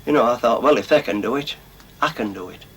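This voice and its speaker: A coal miner speaks plainly for an old documentary interview, his broad local speech full of small asides. His voice is mid-range and quick, he seems nervous before going on, and there's slight background noise.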